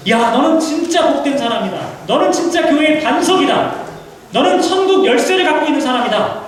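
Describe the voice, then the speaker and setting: A man voicing a calm male teacher musing slowly to himself, in an echoey hall. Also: mid-range voice, distant mic, slight background noise, pitched below the performer's own voice, close to an everyday voice. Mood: praising. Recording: echoey hall, mic from afar.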